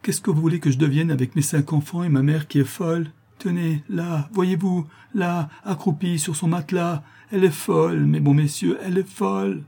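A man's voice: fairly low pitch, normal speed, mellow, husky. A man voicing a distraught poor mother who begs the bailiffs to spare her husband, in raised pleading cries.

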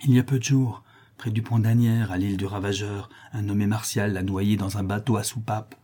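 A man voicing a cruel, scheming male notary who confesses his crimes and then grows frantic, with a dark husky voice. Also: fairly low pitch, steady tone, fairly quick. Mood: confessing coldly. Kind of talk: audiobook character reading.

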